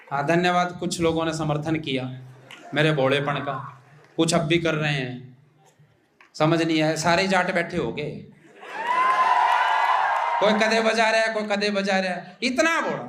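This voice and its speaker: A man with a Haryanvi accent doing stand-up comedy for a live audience in an auditorium. He talks punchily, shouts his punchlines and keeps speaking straight to the crowd. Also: a little high, a little hiss or hum. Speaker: comedy poet. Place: auditorium stage. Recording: echoey hall.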